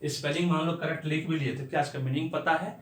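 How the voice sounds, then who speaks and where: A man's voice: fairly high pitch, steady tone, quick pace. A man teaching an English lesson in an explanatory way, spelling words out letter by letter, recorded with roomy echo from a distance from the mic. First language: Bengali.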